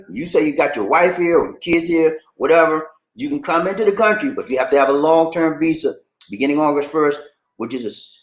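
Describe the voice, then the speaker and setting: In an echoey room, a man with a slightly high, somewhat bright voice hosts a live stream. He reads out viewer comments and chats loosely and directly with his audience.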